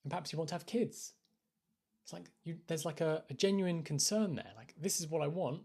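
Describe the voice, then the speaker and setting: A man's voice: a little high, brisk, gravelly, a little mellow, breathy edge. British man coaching on a live stream. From United Kingdom. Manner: thoughtful, hesitant, restarts phrases. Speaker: life coach. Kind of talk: casual live-stream talk. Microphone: phone.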